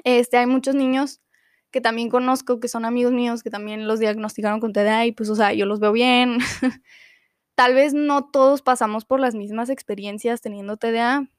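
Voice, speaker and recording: A woman's voice: fairly high pitch, steady tone, normal speed, clean tone, no echo, studio quality. A young woman telling a personal story in a casual, chatty way, full of fillers and restarts. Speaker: podcast host.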